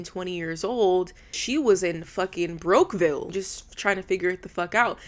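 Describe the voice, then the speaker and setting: A woman in her twenties hosting a solo podcast from an apartment room, talking candidly and heartfelt, swearing freely. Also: medium pitch. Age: 20s. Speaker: podcast host. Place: indoors in a rented apartment room.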